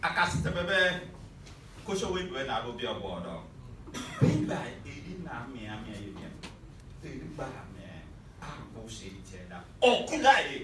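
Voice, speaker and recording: A man performing a shouted, sing-song praise chant at a public event, swinging between loud cries and low mutters. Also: sing-song, quick pace. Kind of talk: shouted chanting in a local language. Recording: echoey PA sound from far off, noisy.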